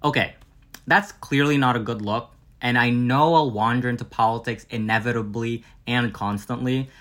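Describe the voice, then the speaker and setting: A man's voice: medium pitch, normal speed, a bit bright. A young man hosting a comedic podcast, playful and self-mocking as he tries out bits. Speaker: podcast host. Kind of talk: comedic solo podcast monologue.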